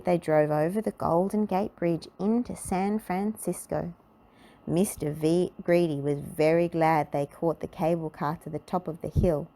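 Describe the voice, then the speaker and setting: Her voice a little low and somewhat mellow, a woman tells a children's tale aloud with expressive, measured narration.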